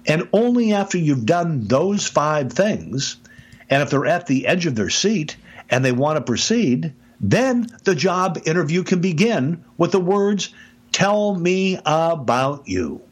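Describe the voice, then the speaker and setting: A man with a slightly rough voice on the high side speaks a little slowly. As a podcast host and business speaker, he offers emphatic business advice in a conversational, animated way, frequently repeating "I mean."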